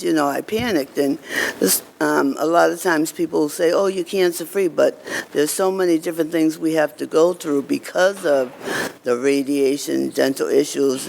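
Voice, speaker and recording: A man giving informal, earnest testimony to a committee, halting and conversational, with slightly slurred speech as if one side of his mouth is numb. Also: fairly high pitch, gravelly, a little mellow, slight background noise, rough recording. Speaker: cancer survivor giving public testimony.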